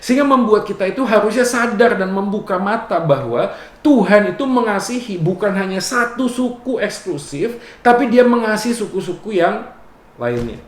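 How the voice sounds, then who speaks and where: A man giving a relaxed, conversational Bible exposition sermon, joking often and adding "ya" after his phrases. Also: high voice, moderate pace, roomy sound. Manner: casual and joking, often adds "ya". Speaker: preacher.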